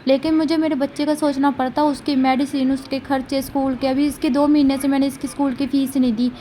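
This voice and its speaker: Woman vlogger, high voice, rambling home chat into a phone camera, faint room noise. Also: flat delivery, fairly quick, dark tone. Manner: talkative, rambling, frequent tag questions. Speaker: vlogger, mother. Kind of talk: casual chatty daily vlog.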